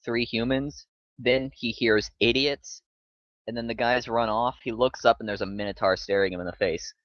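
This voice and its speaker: A man's voice: medium pitch, fairly even intonation, a little fast, no room sound, highs cut off. A man playing a tabletop game, chatty and joking with the table. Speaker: player. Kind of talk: casual tabletop play.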